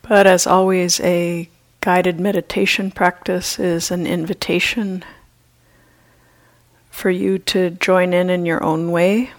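This is a woman teaching a guided meditation in a gentle, leisurely way, pausing at length. She has a lowish voice that barely moves in pitch.

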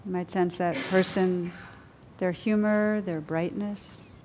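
A woman speaking as a meditation teacher, in a gentle, unhurried way with frequent pauses, as in a reflective talk or guided practice. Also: steady tone, dull audio. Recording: clear low rumbling background noise.

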